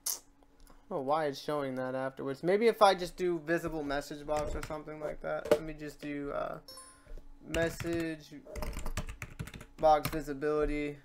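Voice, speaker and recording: A mid-pitched tutorial host speaks over a screen recording in an informal, unscripted manner, musing aloud through each software step and drifting a bit. The tone stays steady at a moderate pace with frequent pauses, and there's background noise.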